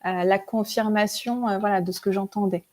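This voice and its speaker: A woman in her forties, a spiritual author and teacher, tells her story as a guest in a casual interview. Her mid-range voice is brisk and a little mellow with fairly even intonation, and her chatty, hesitant delivery is full of fillers and frequent laughs.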